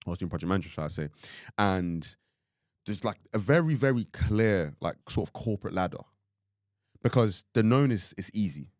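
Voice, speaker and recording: A man's voice: deep voice, lively intonation, moderate pace, darkish tone, no room sound, studio quality. A young man co-hosting a podcast, chatting casually in a rambling way with lots of fillers. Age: young adult. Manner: rambling, filler-heavy, full of "like". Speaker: podcast co-host.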